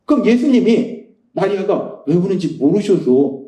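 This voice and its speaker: A man with a high yet mellow voice, preaching a sermon. He drives his points home by repeating phrases and posing rhetorical questions. His voice rings through an echoey church sanctuary. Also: animated, moderate pace. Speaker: pastor.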